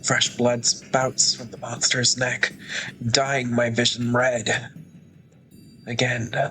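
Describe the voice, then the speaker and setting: A sick man narrating a game aloud as a streamer, reading in a slow, measured way with a raspy, creaky voice. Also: mid-range voice, pushed and bright, poor audio.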